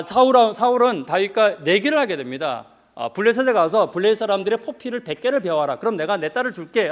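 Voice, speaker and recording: A man preaching a sermon in a church hall, lively and full of questions and jokes for the congregation. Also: high-pitched. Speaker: pastor.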